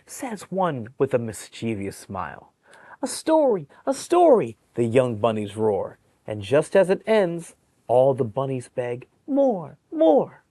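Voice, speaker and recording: At library storytime, a man with a mid-range voice reads a picture book aloud to little kids, and there's no echo on the recording. He keeps things lively and supportive, pausing to chat about the illustrations and explain what's happening in them.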